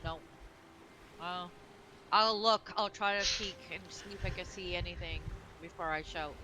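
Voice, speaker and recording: A man's voice: high voice, steady tone, normal speed, poor audio. A man playing in a tabletop game, casual and swearing between his moves. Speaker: player.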